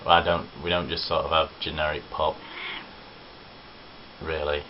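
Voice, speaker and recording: His voice rumbles low with little pitch movement at a measured pace as this young Nottinghamshire man, with a Midlands accent, chats casually and self-deprecatingly in a home video vlog. The camera sits on a tripod, and the webcam audio is dull and lo-fi with a faint hiss.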